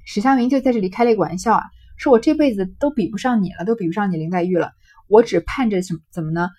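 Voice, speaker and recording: Woman teacher, husky, mid-pitched, chatty retelling of a classic story. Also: very fast, dark tone. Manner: explanatory, conversational, with fillers. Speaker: teacher explaining a classic novel. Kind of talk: reading aloud and retelling a classic novel.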